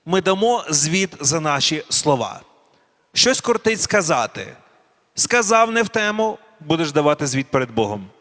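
A man giving a sermon. He speaks slowly and deliberately and puts questions to the audience. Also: a little high, sing-song, fairly bright tone. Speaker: preacher. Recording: long reverb of a hall.

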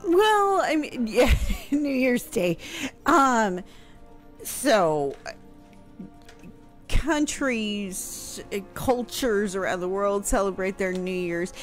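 A woman in her thirties, working as a podcast historian answering questions, explains things casually in a slow, mid-range voice with lively intonation. She's close on a broadcast microphone on a boom arm in a room at home, with soft music in the background.

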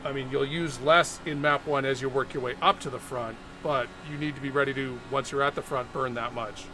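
A man's voice: mid-range voice, steady tone, fairly quick. A middle-aged man chatting casually on a headset as he drives in a racing game. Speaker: sim racing streamer and driver. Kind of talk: casual chat while racing. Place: indoor home sim racing rig. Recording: clear engine noise behind voice. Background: racing game engine noise.

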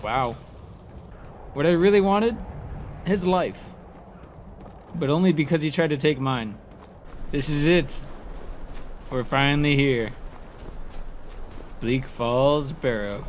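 A man with a slightly high voice takes it slow, pausing often while he plays and comments. His let's play talk is casual and playful as he exclaims and taunts his enemies over clearly noisy game sounds.

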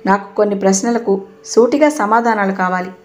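A woman's voice: mid-range voice, fairly quick, close to an everyday voice. A woman narrator voicing a stern, sarcastic young husband who fires accusing questions.

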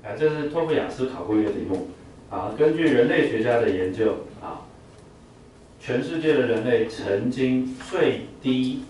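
A man with a lowish, darkish voice teaches an English vocabulary lesson to a class, explaining with frequent "啊" fillers and having students repeat words after him. He is recorded from far away in an echoey room with faint noise.

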